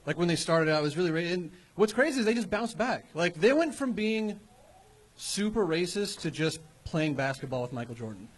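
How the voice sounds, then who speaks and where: A man's voice: a little high, lively intonation. A man doing a short, rambling stand-up set in a comedy club, then chatting with the hosts. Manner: rambling, halting delivery. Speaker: open-mic comedian.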